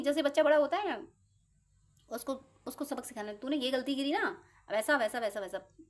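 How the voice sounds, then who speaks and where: A woman speaks in a high voice as a tarot reader. She gives a casual motivational talk, chatty and playful, and drops quick acted-out asides.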